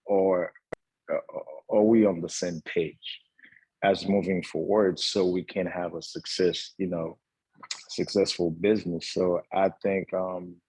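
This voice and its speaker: A young man from Haiti speaks earnestly as a talk-show guest, his voice very low and slightly husky. He pauses often and fills gaps with "uh" and "you know." The sound is close and dry. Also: a little mellow, no echo, poor audio. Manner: earnest, halting, many fillers. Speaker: guest entrepreneur. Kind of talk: casual talk-show conversation.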